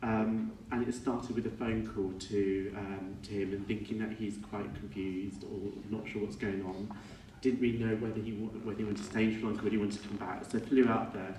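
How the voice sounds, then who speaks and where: A middle-aged man with a fairly low voice delivers an informal eulogy. He speaks in a halting, reflective way and often corrects himself. The recording is echoey and picked up at some distance from the microphone. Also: little pitch movement, a little mellow. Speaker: son giving a eulogy for his father. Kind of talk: informal funeral speech. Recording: echoey room, distant mic, faint noise.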